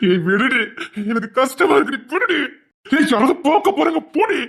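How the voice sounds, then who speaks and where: A woman's voice: a little high, a little fast, natural voice. A woman voicing an anguished man about to go to jail, pleading tearfully with his lover to leave him. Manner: pleading, tearful, urging her away. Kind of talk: Tamil web drama voice acting.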